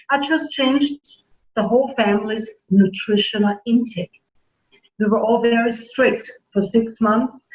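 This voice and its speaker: A middle-aged woman from Germany, raised in Austria, telling her story in an interview, earnest and halting with many fillers. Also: on the high side. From born in Germany, grew up in Austria. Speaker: naturopathic doctor, guest. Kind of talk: casual interview talk. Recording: dull roomy audio.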